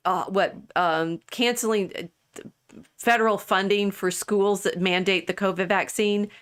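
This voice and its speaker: A woman's voice: medium pitch, steady tone, measured pace, a bit bright, clean tone. A woman in her sixties co-hosting a livestream, talking in a rambling casual way with many restarts. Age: 60s. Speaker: co-host of a livestream. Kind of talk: casual chat.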